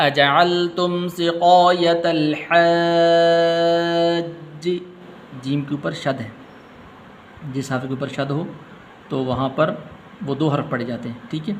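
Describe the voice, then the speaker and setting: A man teaching Quran recitation, chanting verses melodically and stopping to explain pronunciation rules quickly and softly. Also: medium pitch, fairly even intonation, a little hiss or hum.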